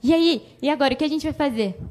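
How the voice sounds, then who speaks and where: A man's voice: very high-pitched, fast talker, a little mellow. A woman voicing a frightened man who urgently pleads for help while retelling a Bible story. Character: frightened older male relative pleading for help.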